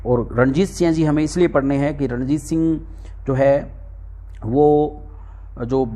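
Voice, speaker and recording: A man's voice: fairly high pitch, a little slow, dark tone. A middle-aged male teacher walks students through a textbook index chapter by chapter, calling them his dear children and repeating each point for emphasis. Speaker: exam-prep teacher.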